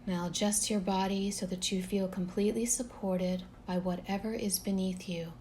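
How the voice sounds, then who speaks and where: A woman guides a relaxation meditation at a calm, gentle, unhurried pace, with long pauses between phrases. Her pitch is medium, and a little hiss or hum sits in the recording.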